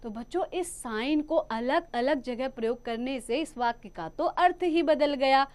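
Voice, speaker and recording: Woman, high-pitched, young adult, children's grammar teacher, coaxing question-and-answer delivery. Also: measured pace. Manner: addresses children, asks questions and answers them herself. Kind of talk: recorded children's grammar lesson.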